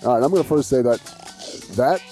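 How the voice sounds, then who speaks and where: A man hosting a podcast in casual chat, speaking a little haltingly. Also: medium pitch, mellow, faint music behind. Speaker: podcast host.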